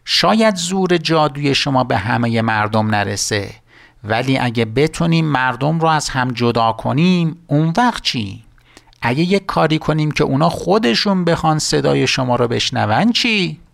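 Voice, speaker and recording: A man's voice: mid-range voice, lively intonation, creaky. A man voicing a sneaky, fawning servant of an evil sorcerer in a storybook tale. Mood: sly. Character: sly, wicked servant of a sorcerer.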